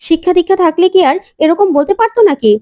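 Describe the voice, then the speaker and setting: A woman voicing a sharp-tongued old grandmother who scolds and taunts. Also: very high-pitched, quick pace, no room sound, voice pushed up. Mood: scolding.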